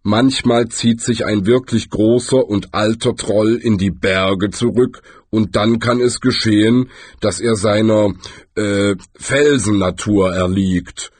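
A man voicing a huge, gloomy male troll who speaks slowly and deliberately. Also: steady tone, darkish tone, slightly rough, no echo. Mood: firm. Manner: slow, deliberate and rumbling.

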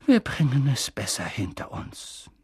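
A man voicing a calm, wise old male wizard who speaks mildly and in measured words. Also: mid-range voice, husky, dry recording, studio quality, full character voice.

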